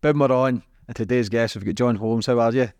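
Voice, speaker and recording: A man's voice: medium pitch, brisk, over loud music. A man hosting a casual interview, putting short, direct questions to a guest. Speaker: interview host.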